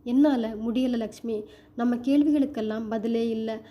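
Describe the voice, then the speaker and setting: A woman's voice: fairly high pitch, steady tone, unhurried, dark tone, close to an everyday voice. A woman voicing a weary aging father who speaks in a tired, pleading way.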